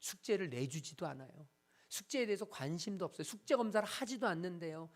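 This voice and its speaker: A pastor delivering a Sunday sermon, swelling to loud, emphatic declarations and falling back to a soft, confessional tone, with repeated parallel phrases. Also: medium pitch, expressive, quick pace.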